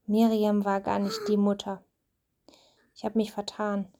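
Mellow-voiced mother telling a story. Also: mid-range voice, completely flat delivery, unhurried. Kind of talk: telling a Bible story to her child.

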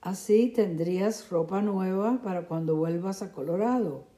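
Woman reading as a calm, reassuring mother. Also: mid-range voice, a little slow, lightly acted. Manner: soothing, reassuring. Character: calm, cheerful middle-aged mother. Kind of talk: storybook reading.

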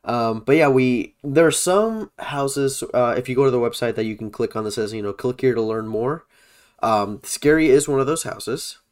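A man co-hosting a podcast in casual chat, animated and laughing as he reads bullet points aloud. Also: mid-range voice, normal speed, clean tone. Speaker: podcast co-host. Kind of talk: casual chat about a theme park event.

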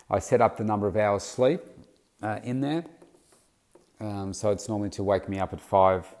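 Speaking with vocal fry in a lowish register, a middle-aged podcast host talks casually on his own. He rambles with many fillers and restarts, and he has the hiccups throughout.

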